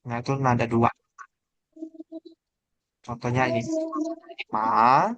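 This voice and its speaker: A man leading a classroom lesson on Mandarin tones, explaining step by step and stopping to ask his students questions. His voice sits at an ordinary pitch and sounds close and dry, with little room echo. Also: normal speed, fairly bright tone. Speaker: Mandarin teacher. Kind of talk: classroom teaching.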